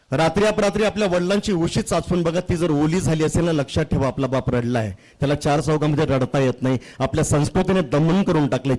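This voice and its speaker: A man's voice: a little high, darkish tone. A middle-aged man from Maharashtra, a poet speaking to a live audience between his songs, humorous and full of asides, then earnestly pleading. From Maharashtra, India. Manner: humorous, talks straight to audience members, quick asides. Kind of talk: spoken storytelling between sung poems.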